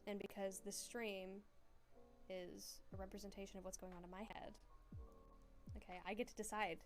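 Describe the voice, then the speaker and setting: A young woman chatting casually while streaming a game, excitable, giggly and self-deprecating. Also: mid-range voice, moderate pace, soft background music. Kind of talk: casual gaming stream chat.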